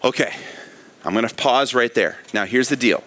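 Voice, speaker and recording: A man's voice: medium pitch, moderate pace, a bit bright. A man preaching an expository sermon as pastor, asking rhetorical questions and reading scripture with emphasis. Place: church.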